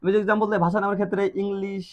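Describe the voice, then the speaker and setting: A man's voice: high-pitched, flat delivery, rapid-fire. A man with a Bangladeshi accent teaching an English grammar lesson, asking questions and answering them himself. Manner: asks and answers his own questions. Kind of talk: classroom-style grammar lesson. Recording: dull lo-fi recording.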